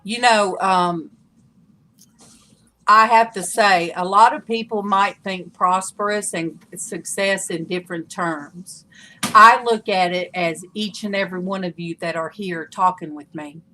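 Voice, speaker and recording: Southern lady hosting a live chat, bright voice, slow drawl. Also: medium pitch, fairly even intonation, a little hiss or hum, poor audio. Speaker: host of a live chat show.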